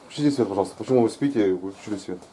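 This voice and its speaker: A man's voice: fairly low pitch, very fast, mellow, a little hiss or hum. A man filming himself as he questions officers on duty, insistent and pressing, repeating his demands. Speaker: blogger confronting police at a post. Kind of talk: confrontational street recording.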